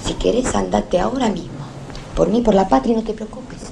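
A woman's voice: medium pitch, a little fast, creaky, background noise. An actress with a Rioplatense accent playing a weary, stubborn working-class mother who speaks with fervent, pleading passion. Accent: Rioplatense Spanish. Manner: impassioned, pleading, swings between hushed and fervent.

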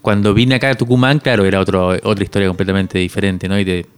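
A Cuban man in his forties, interviewed as an author, speaks reflectively in a lowish, steady voice. He often halts while searching for the right words.

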